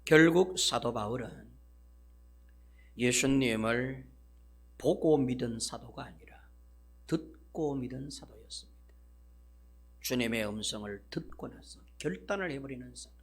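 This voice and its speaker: A male pastor preaching a sermon in an emphatic, dramatic way, swinging from loud declarations to hushed asides. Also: medium pitch, measured pace, pauses often, breathy edge.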